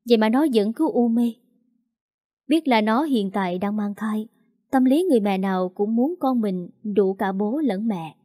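A woman's voice: medium pitch, warm tone, no echo, studio quality. A woman narrating a first-person story as the older sister, speaking firmly and indignantly. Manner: firm, indignant, scolding.

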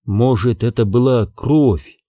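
A man reading an audiobook horror story aloud in scripted, expressive first-person narration. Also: mid-range voice, slow, no echo. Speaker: audiobook reader.

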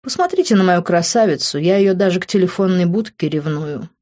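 A woman voicing a smug, possessive young man who jokes in a slightly lowered voice. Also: brisk, darkish tone, lo-fi sound, close to an everyday voice. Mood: smug, jovial.

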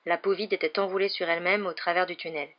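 An audiobook reader narrating a French novel in a steady, measured way. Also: mid-range voice. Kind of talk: scripted narration. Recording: dull lo-fi audio.

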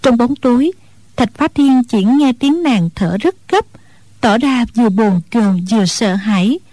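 A woman narrating a martial-arts story in a steady, scripted storytelling manner. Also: fairly high pitch, measured pace, no echo. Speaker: audiobook narrator.

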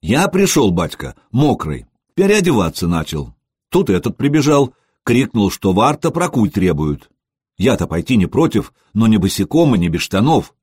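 A man's voice: fairly low pitch, big pitch swings, moderate pace, a little mellow, breathy edge, dry recording, clean studio sound. A man voicing a young warrior telling his lord plainly what happened. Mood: matter-of-fact.

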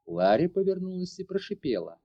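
A man narrating an audiobook in an expressive, dramatic reading. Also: high-pitched, a little fast, dry recording, lo-fi sound.

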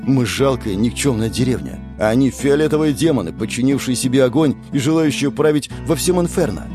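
A man's voice: medium pitch, lively intonation, a little fast, pitched above the performer's own voice, close to an everyday voice. A man voicing a frightened, defiant young male tree demon with a trembling voice close to tears, over guitar music. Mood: desperate. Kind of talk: audiobook character voice.

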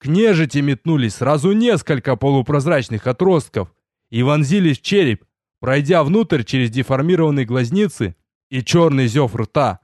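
A man narrating a first-person fantasy story in an audiobook, telling it with lively storytelling and voiced dialogue. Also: medium pitch, moderate pace, no echo, studio quality.

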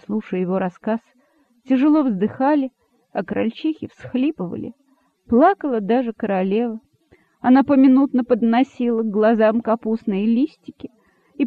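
A man's voice: high-pitched, no echo. A man narrating a storybook expressively, on a dry, phone-like recording. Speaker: audiobook narrator. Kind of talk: scripted narration. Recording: dry, phone-like narrow sound.

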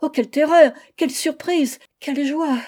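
A woman's voice: a little high, moderate pace, dark tone, lightly acted. A woman reading aloud voices a flustered young wife guarding a secret, breathless, stammering and pleading. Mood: startled joy.

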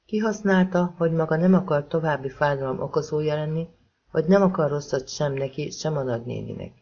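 A man reading a gentle, calm female investigator. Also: on the high side, highs cut off, lightly acted.

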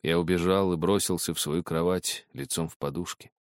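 A man narrating literary prose as an audiobook in a measured, expressive way. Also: low-pitched, smooth, dry recording, studio quality.

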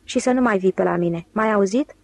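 A woman's voice: medium pitch, vocal fry, darkish tone. A woman voicing a sweet, teasing young woman in an audiobook, lifting her voice for the part. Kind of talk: audiobook character reading.

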